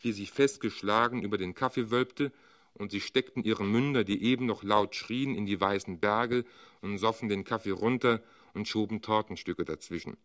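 A man reading a literary story aloud as narrator, with expressive, dramatic delivery. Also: fairly low pitch, normal speed.

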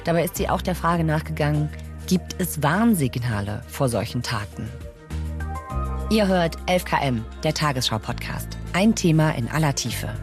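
Female news podcast host, deep voice, calm measured read, music bed clearly underneath. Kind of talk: scripted news podcast narration.

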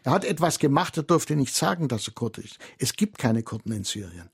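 A man speaking as an expert guest on a radio call-in, explaining in a measured, lecturing way. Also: mid-range voice, big pitch swings, husky.

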